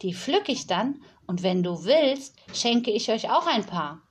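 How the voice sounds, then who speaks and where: A woman's voice: fairly high pitch, sing-song, a little slow, slightly rough, pitched above the performer's own voice, full character voice. A woman voicing a small girl of about four in a storybook reading, childlike and eager. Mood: proud. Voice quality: bright, childlike.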